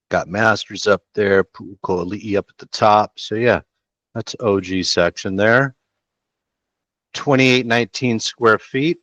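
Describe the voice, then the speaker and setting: A laid-back middle-aged man hosts a real estate show, chatting slangily about listings over a headset in a small room. His voice is fairly low and a bit bright, captured in a dull, dry home recording.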